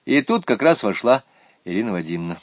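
A man reading a children's story aloud in an animated, expressive way. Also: fairly low pitch, fairly quick, no room sound, clean studio sound.

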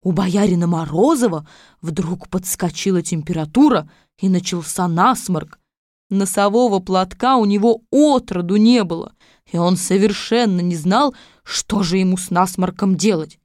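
A woman narrating a fairy tale audiobook in a calm, even storytelling manner. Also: fairly low pitch, moderate pace, no room sound, clean studio sound.

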